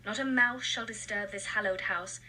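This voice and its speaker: A woman's voice: medium pitch, moderate pace, pushed and bright, a little hiss or hum, low-quality recording. A woman playing a mischievous night sprite, chanting rhythmic verse in a recorded stage reading. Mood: eerie, incanting. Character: mischievous sprite, playful and nocturnal.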